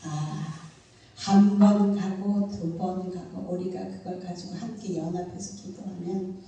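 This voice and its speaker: A woman's voice: lowish voice, a little slow. Middle-aged woman pastor preaching in echoey hall. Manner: animated storytelling with sudden loud bursts. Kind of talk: sermon. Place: church hall. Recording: echoey hall, distant mic, faint noise.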